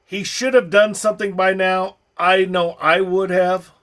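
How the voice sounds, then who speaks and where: A man's voice: high voice, little pitch movement, a little slow, a bit bright. Blunt lecturing male commentator. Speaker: host commenting on a video clip. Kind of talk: voice-over reaction commentary.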